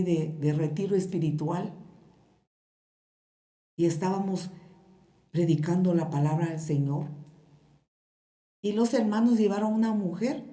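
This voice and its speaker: Guatemalan woman pastor, mellow echoey voice. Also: on the low side. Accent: Guatemalan Spanish. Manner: storytelling, addresses the congregation directly. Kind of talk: sermon with testimony.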